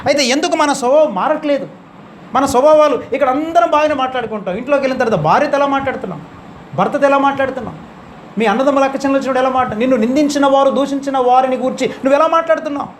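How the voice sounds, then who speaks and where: High, fast-talking man preaching a sermon. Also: slight background noise. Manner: emphatic rising questions to the congregation.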